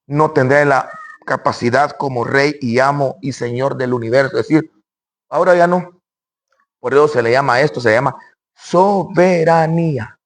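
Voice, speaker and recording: Man, preacher, sermon, highish voice, loud-to-hushed swings. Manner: animated, swings from loud high exclamations to quiet low asides; acts out imagined objections in dialogue.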